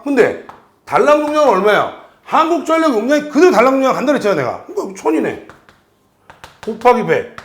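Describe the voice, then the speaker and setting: A man's voice: very high voice, roomy sound. A man teaching an exam-prep lecture, working through problems and constantly asking his students questions.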